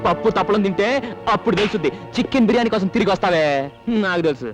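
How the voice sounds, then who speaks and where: A man's voice: high voice, very fast, loud music behind the voice, lightly acted. An actor playing an amorous, hot-tempered husband who blusters and threatens his wife in a film scene. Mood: angry. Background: film score.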